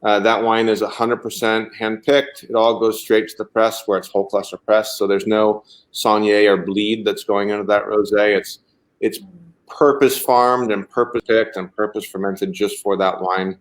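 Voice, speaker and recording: A man's voice: on the low side, little pitch movement, normal speed. A winemaker on a video call, explaining his methods in a detailed, easygoing way and telling stories. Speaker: winemaker guest.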